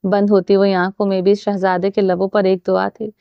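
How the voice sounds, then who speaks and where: A woman's voice: medium pitch, level tone, vocal fry, smooth, no echo, lo-fi sound. Woman narrating a dramatic novel. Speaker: audiobook narrator.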